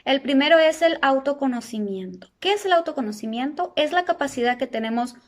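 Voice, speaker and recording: A woman in her thirties from Argentina, a psychologist calmly explaining a topic to her viewers and asking them rhetorical questions. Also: sits high, fairly quick. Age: 30s. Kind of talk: educational talk.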